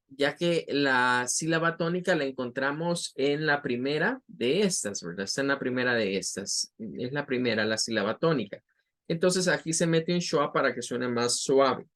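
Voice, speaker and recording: A male English teacher with a Latin American Spanish accent gives a vocabulary lesson, patiently repeating each word for pronunciation. His voice is fairly high-pitched and a bit bright.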